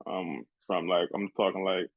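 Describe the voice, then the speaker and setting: A young college basketball player from New Jersey talks through his answers in a low, flat voice. He is relaxed and courteous, and he often says "yes, sir." The sound is dry and thin, close to a phone line. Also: moderate pace, vocal fry, dry recording. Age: young adult. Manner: laid-back, polite, keeps saying "yes, sir". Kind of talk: casual interview answers.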